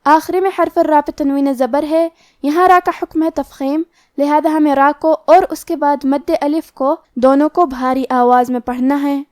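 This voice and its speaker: A woman teaching tajweed, explaining each rule plainly and then reciting the words slowly. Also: high-pitched, steady tone, darkish tone, no echo, clean studio sound. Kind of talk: tajweed lesson with slow recitation.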